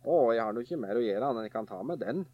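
A man voicing a cheerful, easygoing young lad in a folk tale who shouts gleefully over everything he finds. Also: mid-range voice, lively intonation, no echo, highs cut off, natural voice.

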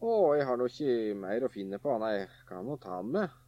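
A man voicing a cheerful, easygoing young lad in a folk tale who shouts gleefully over everything he finds. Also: lowish voice, expressive, dry recording, dull audio, natural voice.

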